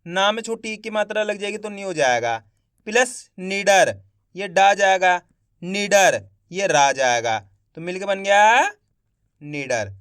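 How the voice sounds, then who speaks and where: A man teaching Hindi letters, slowly spelling out words syllable by syllable and quizzing the viewer. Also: high voice, lively intonation, a bit bright, clean tone, no echo, clean studio sound. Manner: quizzes viewers with repeated questions. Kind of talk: Hindi literacy lesson.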